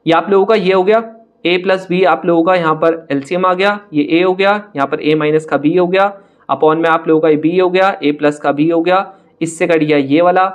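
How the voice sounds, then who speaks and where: A young man teaching an online maths lesson for exam prep in speech, talking straight to his students in a brisk, chatty, teasing way. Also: on the high side, fairly even intonation, highs cut off. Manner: brisk, chatty, addresses students directly, mocks hard-looking questions.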